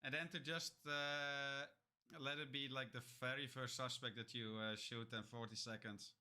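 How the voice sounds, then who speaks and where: A man's voice: mid-range voice, level tone, normal speed, bright, forceful tone, smooth. A man casually talking through his own speedrun for his stream, loose and rambling with many fillers. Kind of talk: casual chat.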